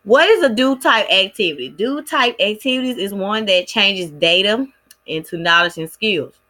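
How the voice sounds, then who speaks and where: A woman walks through a lesson plan for young readers, talking casually and stopping often with fillers. Her voice is bright and clear, at a middling pitch. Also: animated. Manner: casual, halting, with many fillers like "like" and "um". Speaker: student teacher presenting a lesson plan. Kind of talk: recorded class presentation.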